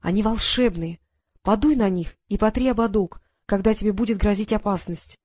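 A woman reading the part of an anxious, secretive young brother in an audiobook, speaking slowly and hesitantly. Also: medium pitch, a little mellow, no echo, studio quality, natural voice. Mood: urgent.

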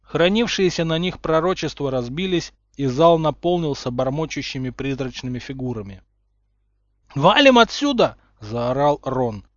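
A man reading a parody story aloud with lively, ironic narration. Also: medium pitch, normal speed, no room sound, muffled recording. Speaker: reader.

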